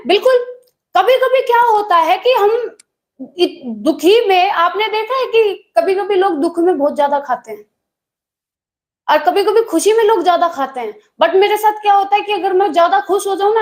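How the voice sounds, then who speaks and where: Young woman, teacher, very high voice, chatty, personal stories, online lesson. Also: a little mellow, echoey room. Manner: chatty, addresses students as children, tells personal stories. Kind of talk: online exam-prep lesson.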